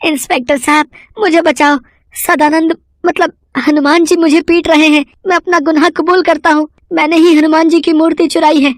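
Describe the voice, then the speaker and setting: A woman's voice: sits low, very animated, a little slow, no room sound, clean studio sound, heavily acted. A woman voicing a greedy, cowardly male thief in a cartoon story who squeals and pleads in panic. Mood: terrified.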